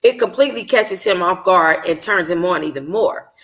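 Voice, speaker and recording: Reading first-person audiobook narration in a relaxed way, a woman who hosts a book club uses a lowish, animated, a bit bright voice at moderate speed. Now and then she trips over words and rereads phrases.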